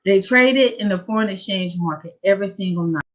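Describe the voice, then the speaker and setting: A woman giving a lively testimony at a church prayer service, telling her story with animated energy. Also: mid-range voice, fast talker. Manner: lively storytelling, acting out her own excitement. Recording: dull lo-fi church livestream.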